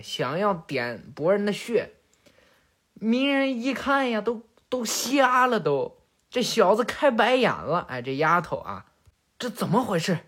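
A woman in casual recap narration, chatty and animated with many little fillers. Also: fairly low pitch.

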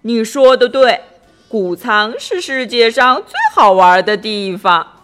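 A woman voicing two eager, curious little girls in a storybook, asking in a high voice. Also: slow, a bit bright, faint music behind. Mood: excited.

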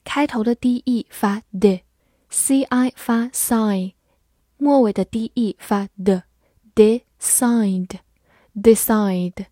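A woman English teacher giving a scripted vocabulary lesson, spelling words letter by letter and reading example sentences slowly. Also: a little high, warm tone, dry recording, studio quality.

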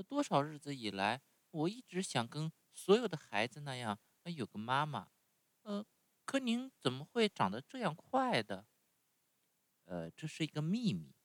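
A man voicing an eager, excitable wooden puppet boy in a high squeaky voice, often starting with a hesitant "uh". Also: no room sound. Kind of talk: bedtime story reading.

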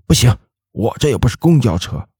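A man's voice: medium pitch, sing-song, a little fast, a little mellow, husky, no echo, clean studio sound, pitched above the performer's own voice. A man voicing a grumbling, scornful veteran ambulance driver in a spoken ghost story.

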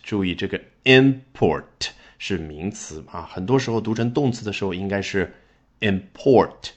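A man's voice: deep voice, fairly quick, lo-fi sound. A man teaching English vocabulary and sentence structure in a recorded lesson, explaining patiently and asking rhetorical questions as he goes.

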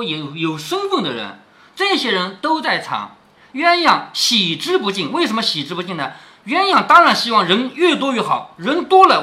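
A man's voice: high voice, bright, forceful tone. A man explaining a classic novel to his daughter, retelling the story and stopping often to ask rhetorical questions and explain old words.

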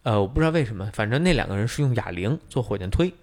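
A man's voice: on the low side, lively intonation, racing, darkish tone. A man co-hosting a podcast, explaining things at length in casual chat, with many fillers. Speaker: podcast co-host.

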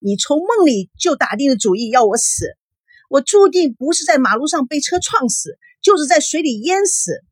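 A woman's voice: animated, normal speed, slightly rough, dry recording. A woman voicing a hysterical, distraught young woman who screams and sobs at her parents. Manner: shrill screaming, sobbing outbursts.

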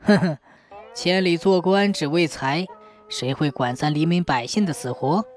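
A woman voicing a bitter, grumbling old tofu maker in his sixties, gruff and scornful. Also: sits high, expressive, normal speed, a little mellow, soft background music.

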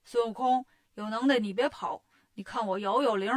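A woman's voice: fairly high pitch, normal speed, lightly acted. A woman voicing a sly, bullying male demon king in a storybook tale, blustering and scheming. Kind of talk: storybook character voice.

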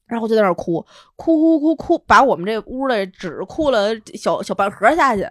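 Lively woman telling a story. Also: mid-range voice, a little fast. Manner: animated, laughing storyteller with lively quoted dialogue. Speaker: podcast co-host. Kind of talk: casual storytelling chat.

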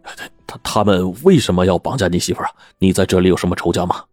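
A man's voice: low-pitched, quick pace, a little mellow, no room sound, faint music behind. A man voicing a flustered, stammering male official near retirement age in a told story.

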